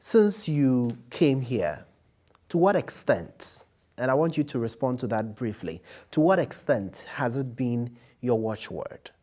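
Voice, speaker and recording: A man with a medium-pitched voice acts as interviewer. He frames his questions deliberately, repeating phrases for emphasis. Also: very animated, a little mellow. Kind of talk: broadcast-style interview questioning.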